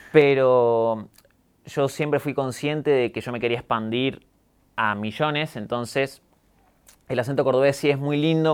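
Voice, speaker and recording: Young Argentine male guest, neutral Argentine accent, clean smooth timbre, calm and candid. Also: mid-range voice. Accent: neutralized Argentine Spanish. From Córdoba, Argentina. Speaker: guest, YouTuber. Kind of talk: casual interview talk.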